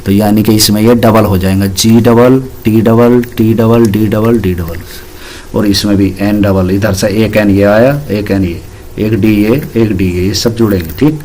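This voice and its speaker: A man's voice: fairly low pitch, measured pace, warm tone, a little hiss or hum. A man teaching an English grammar lesson, patiently explaining rules and spelling words out letter by letter.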